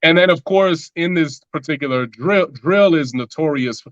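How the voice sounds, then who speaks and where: A man's voice: a little high, moderate pace, a bit bright, no room sound, muffled recording. A man talking as a musician guest in a casual interview, loose and rambling with lots of filler words.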